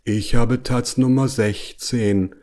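A man's voice: mid-range voice, animated, measured pace, a little mellow, pitched above the performer's own voice. A man voicing a plump, sly older male bear who coaxes and then sulks, in a children's storybook reading. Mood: coaxing. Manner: coaxing, later sulky and spiteful.

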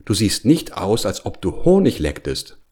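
A man's voice: lowish voice, huge pitch swings, moderate pace, dark tone. A man voicing a vain, lazy male collar bear who grumbles and fusses over his collar, in a children's storybook reading. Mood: fussy.

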